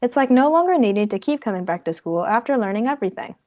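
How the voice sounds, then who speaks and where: A woman's voice: on the high side, animated, quick pace. A young woman reading out a prepared talk as a student presenter in a class. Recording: dull lo-fi sound.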